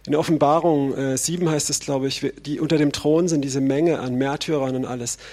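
A man's voice: mid-range voice, steady tone, a little fast, mellow. A man preaching a sermon in a conversational way, often checking in with his listeners as he speaks. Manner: conversational, frequent tag questions.

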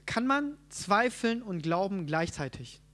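Preaching a sermon, a high-voiced man teaches along the way and puts questions to the people in front of him. His delivery is casual, full of quick asides and rhetorical checks like "right?", with big pitch swings and a fairly bright tone.

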